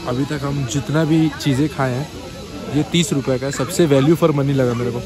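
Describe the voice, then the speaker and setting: A man's voice: medium pitch, fairly even intonation, moderate pace. A young man from India talking while chewing, casually reviewing street food for a vlog at an outdoor market. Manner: chatty, enthusiastic reviewing. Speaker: food vlogger. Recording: background music over street audio.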